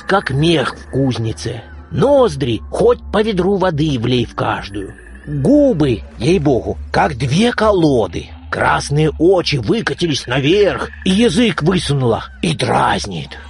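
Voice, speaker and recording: Lively male storyteller. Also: vocal fry. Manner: dramatic, varied pitch, acting out creature cries. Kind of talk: expressive storybook reading.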